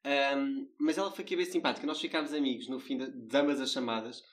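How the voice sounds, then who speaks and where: Fast-talking Portuguese man in casual chat. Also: medium pitch. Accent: European Portuguese. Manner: animated storytelling, blunt, self-correcting. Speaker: co-host telling a customer service story.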